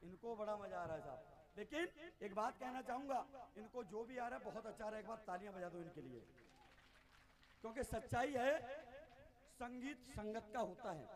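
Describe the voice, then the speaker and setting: A man's voice: sits high, animated, moderate pace. A man from Uttar Pradesh, a devotional singer and stage host, narrating comic skits theatrically and calling out to the crowd as devotees. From Uttar Pradesh, India. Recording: live music played behind.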